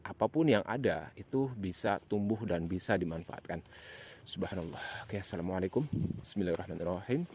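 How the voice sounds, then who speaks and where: Low-voiced man vlogging outdoors at night. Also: brisk, a little mellow. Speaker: host of a night exploration vlog. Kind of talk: casual vlog narration while walking. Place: outdoors in an overgrown plantation at night. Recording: clearly noisy outdoor night recording. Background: night animal and nature sounds.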